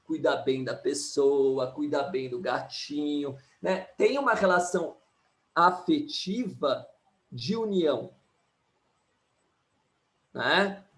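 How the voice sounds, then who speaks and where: A man, an astrologer and numerologist, giving an animated live talk and often tagging his points with "né?". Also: fairly high pitch, slow, pauses often. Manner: animated, keeps asking "né?", acts out quotes. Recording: echoey room.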